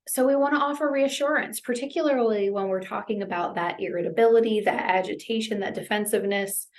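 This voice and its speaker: A young adult woman teaching caregivers in a relaxed, conversational way, with frequent fillers and a reassuring manner. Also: medium pitch. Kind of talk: educational talk to caregivers.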